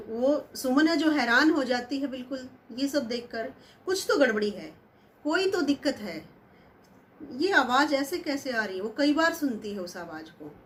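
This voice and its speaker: A woman's voice: a little high, slight background noise. A woman casually telling a story, chatty and musing aloud as she goes.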